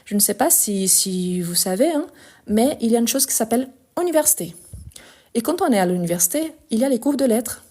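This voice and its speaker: A woman with a Lyon accent, from France and Brazil, teaching a French grammar lesson in a live stream, spelling out verb forms slowly and firmly answering critics. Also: on the high side, expressive, mellow. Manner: explanatory, repeats forms slowly, gets indignant answering critics.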